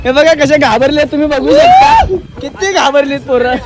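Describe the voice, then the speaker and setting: A young man with a Marathi accent vlogging from an outdoor funfair ride on a handheld phone, yelling, laughing and teasing his friends. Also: very high-pitched, huge pitch swings, moderate pace. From Maharashtra, India. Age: young adult. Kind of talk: screaming on a fairground ride. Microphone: phone held while riding. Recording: crowd noise of a funfair.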